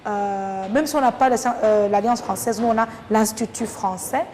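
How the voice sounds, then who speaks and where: A French language teacher from Rwanda, speaking with a Rwandan French accent, answers interview questions reflectively and with hesitant phrasing. Her mid-range voice has a darkish tone and a moderate pace, recorded in a noisy hall with long, echoing reverb.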